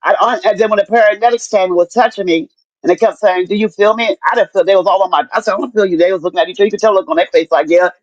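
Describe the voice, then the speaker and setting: A middle-aged woman tells her story in lively, profane casual chat, slipping into the voices of the people around her. The recording is dull and lo-fi. It is also very dry. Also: mid-range voice, rapid-fire, dry recording. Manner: animated storyteller, profane, acts out what people said. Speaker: guest telling her story.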